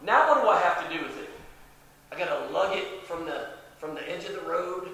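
Animated high-voiced preacher man. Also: fairly quick, gravelly. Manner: animated and playful, swings from soft asides to excited shouts. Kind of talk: sermon.

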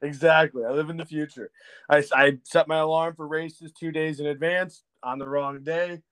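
A man's voice: fairly high pitch, steady tone, normal speed, a bit bright, clean tone, dry recording. A middle-aged man, a guest on a podcast, telling a rambling story in a self-mocking way, laughing and swearing freely and acting out what others said. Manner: rambling with restarts and acted-out dialogue. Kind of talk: casual storytelling chat.

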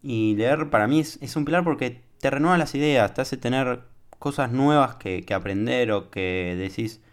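A man's voice: mid-range voice, moderate pace. Young Argentine man hosting a casual podcast. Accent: Argentine Spanish. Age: young adult. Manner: informal, talks straight to the listener, many fillers. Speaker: podcast host. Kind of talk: casual solo podcast monologue.

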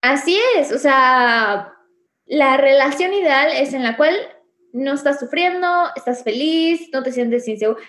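Young woman chatting on a podcast, frank and animated, high voice, roomy echo. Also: unhurried. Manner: frank, animated, uses many fillers. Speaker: podcast co-host. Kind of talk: casual chat.

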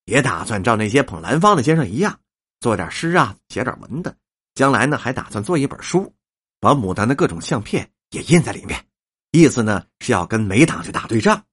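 A man voicing a polite, measured male newspaperman in a storybook reading, with a husky voice. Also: mid-range voice, sing-song. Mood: courteous.

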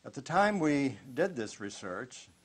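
A man explaining research in a measured academic way, played as an archival documentary clip. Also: mid-range voice, very animated, breathy edge.

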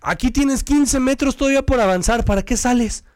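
A man's voice: very high-pitched, a little mellow, no room sound, studio quality. A man with a Mexican accent co-hosting a casual football talk show, opinionated and teasing. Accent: Mexican Spanish. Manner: opinionated, teasing, rapid analysis. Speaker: sports show co-host.

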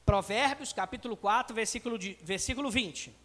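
A man's voice: high voice, brisk, fairly bright tone. A male pastor preaching a sermon to his congregation, talking to them directly and acting out everyday scenes. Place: church sanctuary. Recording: long reverb of a church hall.

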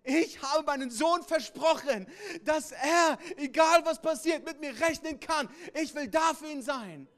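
A man's voice: extremely high pitch, measured pace, hardly any pauses, fairly bright tone, soft background music, voice pushed up. A man voicing a desperate, devoted father who speaks in a raised, strained, insistent way. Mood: desperate resolve. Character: desperate devoted father digging through rubble.

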